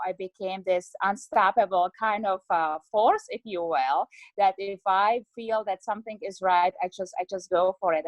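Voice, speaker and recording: A woman's voice: mid-range voice, no echo, muffled recording. A woman in her forties from Czechoslovakia with a Czech accent, telling her life story as a podcast guest in an earnest way with many fillers. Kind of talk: personal storytelling interview.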